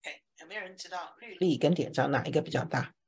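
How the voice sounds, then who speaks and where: A woman's voice: deep voice, expressive, quick pace, a little mellow. A woman teacher explaining English words to a class, often stopping to ask if anyone has questions. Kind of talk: classroom vocabulary lesson.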